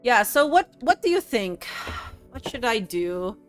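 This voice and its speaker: A woman's voice: on the high side, very animated, measured pace, faint music behind. A woman streaming a puzzle game, thinking aloud and chatting with her viewers in a sleepy, musing way. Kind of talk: casual gameplay commentary.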